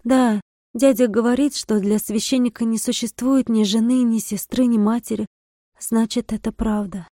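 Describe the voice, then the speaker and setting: A woman's voice: on the high side, fairly even intonation, moderate pace, dark tone, no echo, studio quality, pitched above the performer's own voice, close to an everyday voice. A woman reading aloud, voicing a wild, passionate young village woman who pleads and argues. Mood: desperate. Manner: pleading, impassioned.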